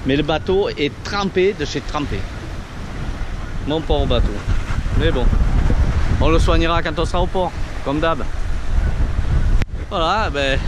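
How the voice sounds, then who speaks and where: Man vlogging through loud wind on the mic. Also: a little high. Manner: informal, colloquial, talking to camera. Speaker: sailor narrating his own trip as skipper. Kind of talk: casual sailing vlog commentary. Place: outdoors on a boat at sea in strong wind. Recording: wind buffeting the mic, loud boat noise. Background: wind and boat noise.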